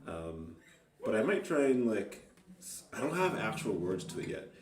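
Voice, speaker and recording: This amateur singer-songwriter talks at a normal speed in a lowish voice marked by big pitch swings. He is chatting unscripted for a music vlog, hesitant, rambling and self-deprecating. The audio is roomy and distant-miked, with faint guitar audible.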